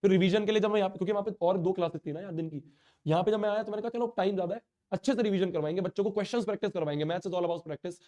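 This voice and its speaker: A man's voice: high voice, rapid-fire, warm tone. A man teaching a live online class, speaking in a hurt, earnest, pleading way while he has a sore throat and a stuffy nose.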